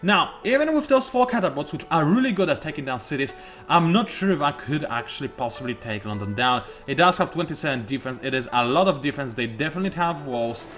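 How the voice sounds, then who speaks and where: This man's voice is a little high, a bit bright and expressive, and he talks fast with faint music behind him. Hosting a let's play of a strategy game, he keeps up joking, self-mocking commentary and thinks out loud.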